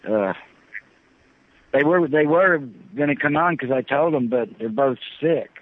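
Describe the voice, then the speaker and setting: A man calling in to an interview over a phone line, talking in a halting, earnest way and often repeating himself. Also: medium pitch, animated, dry recording. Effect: phone line, heard over the phone. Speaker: phone-in guest. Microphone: telephone, satellite phone. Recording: tinny narrow-band phone line.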